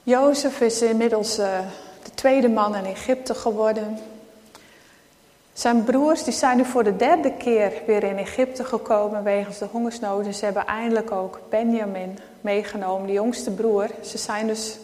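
A woman preacher giving a sermon, praying and reading scripture aloud in a calm, earnest way. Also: mid-range voice, moderate pace. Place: church. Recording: echoey church hall.

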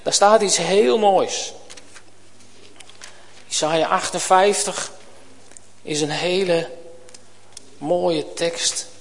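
Male pastor, fairly high voice, earnest and pleading sermon delivery, long church reverb. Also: extremely slow, long pauses. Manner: earnest, pleading, swings from loud to hushed.

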